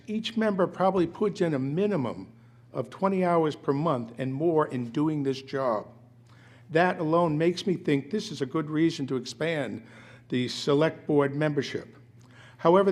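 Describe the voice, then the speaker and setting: An elderly man with a hoarse, failing voice, reading a prepared statement at a town meeting in a formal but halting way, often correcting himself. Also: on the high side. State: hoarse, losing his voice. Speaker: resident speaking at a town meeting. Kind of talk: prepared public statement read aloud.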